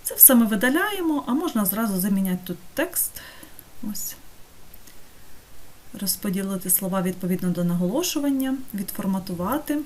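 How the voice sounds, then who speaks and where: A woman teaching an online course, talking through a screen-recorded software tutorial step by step and checking in with her students. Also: medium pitch, animated, a little fast, slight background noise. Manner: patient, step-by-step, checks in with "так?".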